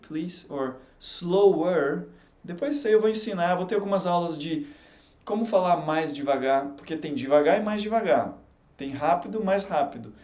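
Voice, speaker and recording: A middle-aged Brazilian man teaching English on an unedited live stream, chatty and explaining slowly with many fillers. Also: on the high side, a little mellow. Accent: Brazilian Portuguese. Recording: echoey room with faint background hum.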